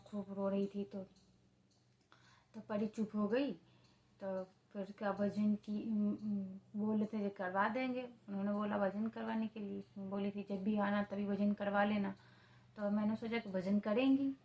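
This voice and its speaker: A woman's voice: mid-range voice, a little mellow, poor audio. A woman speaking Hindi, a mother telling the story of her day in a casual home vlog, in a plain, repetitive way. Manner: talks to her baby in a sing-song, playful tone. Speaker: vlogger, mother.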